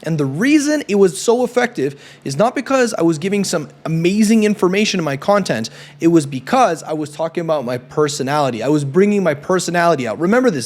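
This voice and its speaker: A man in his thirties from Canada giving an emphatic, persuasive coaching talk to camera. He keeps checking in with a quick "right?". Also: high-pitched, darkish tone. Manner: emphatic and persuasive, often adds a questioning "right?". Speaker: YouTube business coach.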